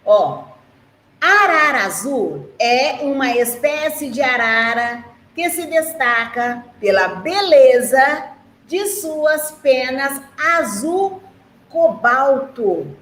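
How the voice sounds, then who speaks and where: A woman with a Brazilian Portuguese accent, a primary school teacher, gives a remote lesson to young children from a school classroom. Her voice sits high and fairly bright, and she explains things slowly and patiently, often checking in with a quick "né?" or "tá?". The room is echoey with faint noise.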